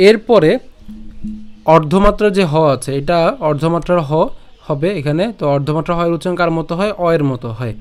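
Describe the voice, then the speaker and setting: A man teaching recitation, breaking words into syllables slowly and patiently and checking in often with his listeners. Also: on the high side, darkish tone. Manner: slow, patient syllable-by-syllable drilling with frequent "ঠিক আছে?". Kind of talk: online recitation lesson.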